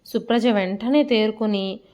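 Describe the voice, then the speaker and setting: A woman telling a scripted emotional family story as a storyteller, reading in a steady, emotive way. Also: mid-range voice, measured pace.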